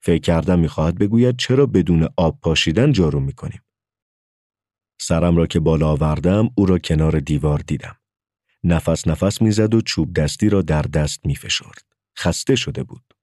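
A man's voice: a bass voice, mellow, no room sound, clean studio sound. A man narrating a story as an audiobook, telling it expressively.

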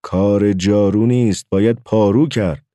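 A man's voice: on the low side, fairly even intonation, mellow, no room sound, studio quality, natural voice. A man reading a story aloud and voicing an anxious village mother, with an urgent, exclaiming manner. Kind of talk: audiobook character voice.

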